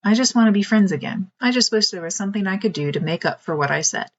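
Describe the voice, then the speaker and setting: A woman's voice: medium pitch, expressive, quick pace, highs cut off. A woman voicing a friendly, outgoing young girl in a read-aloud storybook. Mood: sorry.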